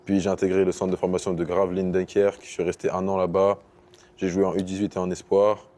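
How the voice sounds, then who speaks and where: A man's voice: low voice, level tone, fast, dark tone. A young man from Paris answering interview questions casually, easing into English basketball terms. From Paris, France. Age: young adult. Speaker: basketball player guest.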